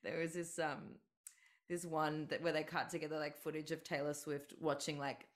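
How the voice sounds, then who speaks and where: A woman's voice: sits low, level tone, moderate pace. A woman, hungover and chatting casually. She rambles through stories in a giggly way, putting on little dramatic quotes as she goes. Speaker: podcast co-host. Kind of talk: casual comedic chat.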